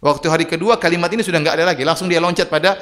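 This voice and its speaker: Seorang pria berkhotbah dengan gaya bercerita, sering melempar pertanyaan retoris dan memerankan dialog. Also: male voice, on the high side, rapid-fire, a bit bright. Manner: storytelling with rhetorical questions, acting out quoted dialogue. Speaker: preacher. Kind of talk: sermon. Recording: long hall reverb.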